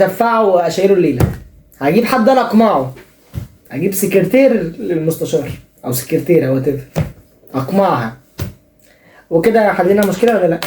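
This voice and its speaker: A man's voice: sits high, darkish tone, slight background noise. A young man with an Egyptian Arabic accent hosting a comic advice show, joking and teasing his listeners. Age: young adult. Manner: joking, teasing, playfully sarcastic. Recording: echoey room.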